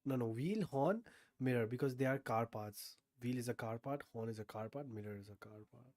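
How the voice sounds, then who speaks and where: A man's voice: medium pitch, brisk, darkish tone, no echo. A man streaming a guessing game, thinking aloud with frequent swearing and sudden bursts of disbelief. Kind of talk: casual game commentary.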